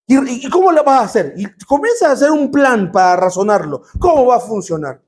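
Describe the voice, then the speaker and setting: A middle-aged man preaching a sermon as pastor, calling for responses and shouting for emphasis. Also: very high-pitched, big pitch swings, brisk.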